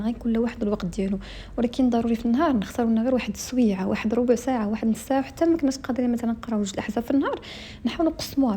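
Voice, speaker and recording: A woman's voice: a little high, mellow, breathy edge. A woman with a Moroccan accent chatting casually to her viewers as a vlogger and giving them advice. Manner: chatty, advising viewers directly. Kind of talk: casual chat.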